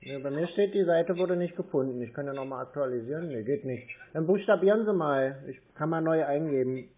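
Over a tinny, band-limited phone line, a man with a fairly high, brisk voice chats casually, playing a customer to bait a scammer. He sounds matter-of-fact, colloquial and a little hesitant.

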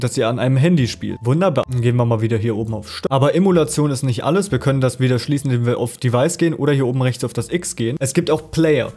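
A man talks viewers through a screen-recorded tutorial in a relaxed, chatty way, dropping fillers as he clicks along. His voice sits at an everyday middle pitch. Faint guitar music plays underneath. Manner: casual explaining with fillers, addresses viewers directly. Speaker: tutorial host.

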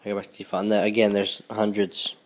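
A man with a cold talks through a phone tutorial in a nasal, stuffed-up voice. His voice sits low and stays fairly flat, and his delivery is relaxed and chatty, dotted with ums and small restarts. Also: fast. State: sick with a stuffy nose. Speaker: host. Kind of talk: casual phone tutorial walkthrough.

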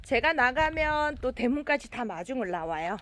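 A woman's voice: sits high, very animated, normal speed, a bit bright, a little hiss or hum. A woman running an animal cafe, talking casually to viewers and calling her cats over in a sing-song, coaxing voice outdoors in her yard. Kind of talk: casual vlog narration to viewers.

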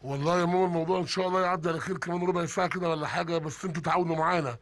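An actor playing a smooth-talking bank robber. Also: male voice, on the high side, fairly even intonation, racing, natural voice. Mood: coaxing. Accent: Egyptian Arabic. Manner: bossy with hostages, coaxing with his partner.

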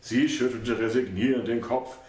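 A man, the author, introducing and reading aloud from his own satirical book, relaxed and hesitant with fillers while introducing it. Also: medium pitch, moderate pace. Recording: roomy echo.

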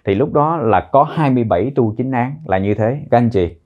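A man teaching a citizenship test lesson, repeating words slowly in pronunciation drills. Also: medium pitch, lively intonation, phone-quality sound. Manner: slow, drawn-out pronunciation drills.

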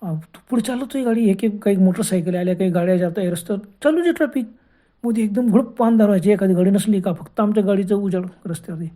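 Woman telling a spooky night-road story in a soft dark tone, easygoing and chatty, restarts mid-phrase a lot. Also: medium pitch. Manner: colloquial, unhurried retelling with restarts. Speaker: horror storyteller. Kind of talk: first-person ghost story narration.

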